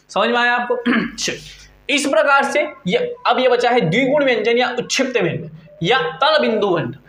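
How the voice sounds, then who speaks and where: A man's voice: sits high, a bit bright. A male teacher giving a lecture, asking questions and answering them himself. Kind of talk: classroom lecture. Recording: echoey room.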